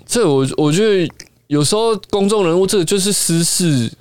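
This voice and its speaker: A man's voice: high voice, animated, normal speed, a little mellow, clean tone, no room sound. A man co-hosting a casual podcast chat, teasing his partner with sarcastic banter. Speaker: podcast co-host.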